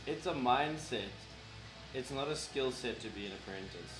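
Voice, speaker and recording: A man chatting casually and teasing a friend, his talk loose and salted with swearing. His voice sits at an ordinary pitch. The room is echoey, with music playing clearly behind him. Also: expressive, moderate pace. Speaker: tattoo apprentice and podcast host. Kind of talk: casual chat.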